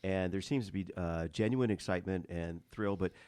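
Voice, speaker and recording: Deep-voiced chatty radio host. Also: male voice, fairly quick, warm tone, no room sound. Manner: chatty, filler-heavy, joking. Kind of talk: casual interview chat. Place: radio studio.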